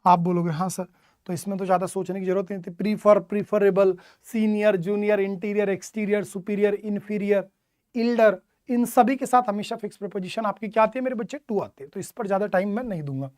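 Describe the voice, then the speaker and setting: A man's voice: high-pitched, steady tone, fairly quick, a little mellow, no echo, studio quality. A male teacher giving an online exam-prep English lesson, drilling word meanings with repeated questions and calling students his children.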